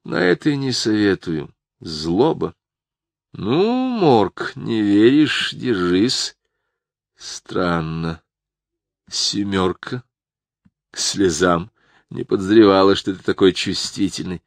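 A man's voice: lowish voice, sing-song, slow, gravelly, long pauses, no room sound, full character voice. A man voicing a moody middle-aged woman fortune teller who gives clipped, ominous card readings.

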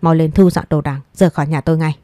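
Woman narrator voicing a bossy old mother, scolding, low mellow voice, dry recording, audiobook. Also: steady tone, fast talker, no room sound, close to an everyday voice. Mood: scornful scolding. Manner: scolding, contemptuous. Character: sharp-tongued older mother, scornful, domineering.

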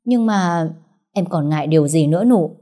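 A woman voicing a gentle young man who softly coaxes his girlfriend. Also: sits low, expressive, moderate pace. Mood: tender. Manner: soft, coaxing.

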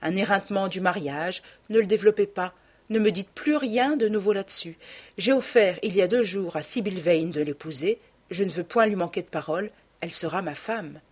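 A woman voicing an earnest, impassioned young aristocrat in an audiobook, with a husky voice. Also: medium pitch, fairly quick, natural voice. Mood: resolute. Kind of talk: audiobook character reading.

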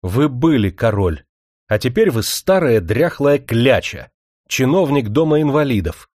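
A man's voice: medium pitch, moderate pace, a little mellow, no room sound, studio quality, natural voice. A man voicing a proud young princess in a spoken story, pleading and indignant by turns.

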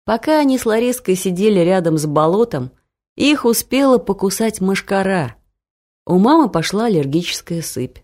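A woman narrating a humorous family story for an audiobook, expressive and lively. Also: mid-range voice, moderate pace.

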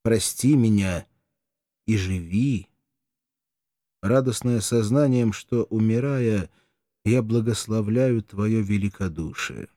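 A man's voice: lowish voice, a little mellow, dry recording, clean studio sound. A man reading out the mournful farewell letter of a doomed male gladiator.

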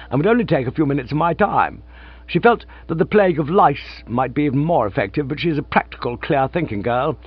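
A man reading the part of a flustered, rambling young gentleman who talks in excitable, breathless bursts. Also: fairly high pitch, breathy edge, no echo, voice pushed up. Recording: dull lo-fi recording.

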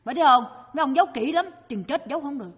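A woman's voice: high voice, racing, in a large hall. A woman with a Southern Vietnamese accent giving a storytelling dharma talk. She acts out the people in her stories as she tells them. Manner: lively storyteller, acting out the people she quotes. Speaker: Buddhist dharma speaker.

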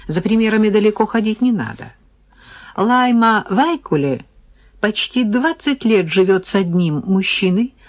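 A woman reading a novel aloud in first person, with a wry, ironic storytelling manner. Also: medium pitch. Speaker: audiobook reader. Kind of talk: scripted first-person narration.

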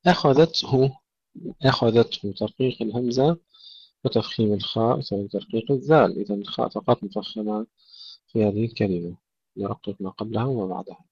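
A man teaching Quran recitation rules in a tajweed lesson, deliberately repeating words to model the correct pronunciation. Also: on the low side, very animated, creaky, a little mellow, husky, dry recording, dull audio.

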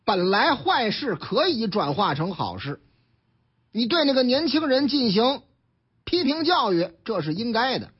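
A man with a Beijing accent, his very high voice slightly rough, unhurried and sing-song, offers colloquial radio news commentary told like stories. He acts out the characters as he goes, all heard through dull lo-fi radio sound.

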